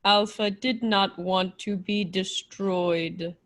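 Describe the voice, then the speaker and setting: In an old-time radio play, a woman with a medium-pitched voice acts as an emotionless living machine man. The robot is blunt and menacing and speaks primitively, so her delivery is flat, slow, clipped and matter-of-fact.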